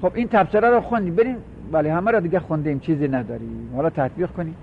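A man teaching a grammar lesson, stretching out example words slowly and asking questions he answers himself. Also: on the high side, creaky, a little hiss or hum. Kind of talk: classroom lecture on grammar. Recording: dull lo-fi recording.

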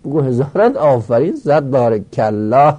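A man's voice: mid-range voice, very animated, mellow, slightly rough, dull audio. Man drilling verb conjugations in class. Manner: patient step-by-step explaining. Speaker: teacher. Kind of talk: Arabic grammar lesson taught in Persian.

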